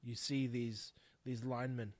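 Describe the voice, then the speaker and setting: An unhurried, level-toned New Zealand man in his thirties hosts a candid solo podcast, recorded with no echo. His mid-range voice carries a blunt, rambling, heartfelt manner, and he swears freely.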